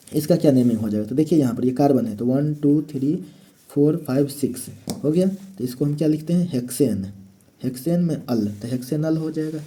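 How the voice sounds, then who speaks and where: A man with a fairly high, mellow voice delivers a chemistry lecture in class, going step by step and answering the questions he asks.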